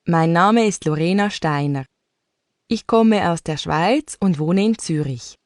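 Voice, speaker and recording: A woman reading a scripted self-introduction for a textbook listening exercise, clear and carefully enunciated. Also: on the low side, unhurried, no echo, clean studio sound. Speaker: textbook audio speaker.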